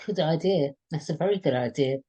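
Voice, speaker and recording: A woman's voice: sits low, fairly quick, dark tone, breathy edge. A woman hosting a book podcast, asking questions and encouraging her guest with short replies. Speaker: podcast host. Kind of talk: podcast interview.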